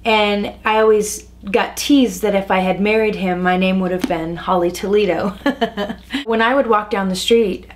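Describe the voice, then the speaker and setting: An American woman in her forties tells old stories in a relaxed, chatty way. She fills pauses with ums and laughs easily. Her pitch sits right in the middle. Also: slight background noise. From United States. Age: 40s. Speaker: interviewee. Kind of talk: relaxed reminiscing conversation.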